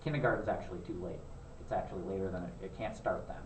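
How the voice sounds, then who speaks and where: A man with a very low voice gives a thoughtful, emphatic interview answer. He sits away from the mic in an echoey room, and steady background noise runs under his voice. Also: fast talker, far from the mic. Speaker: interviewee on education.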